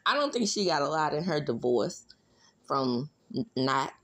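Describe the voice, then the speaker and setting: A woman's voice: low voice, sing-song, moderate pace, fairly bright tone. A woman with a Southern Mississippi accent chatting casually as a gossip commentator, sassy and blunt, with conversational asides. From Mississippi, United States. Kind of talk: casual celebrity gossip chat, solo commentary.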